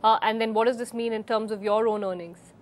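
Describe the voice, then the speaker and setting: Polite young anchor woman, higher voice. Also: fairly even intonation. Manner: polite, brisk questioning with "uh" fillers. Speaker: business news anchor. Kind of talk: broadcast interview questions. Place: news studio, indoors.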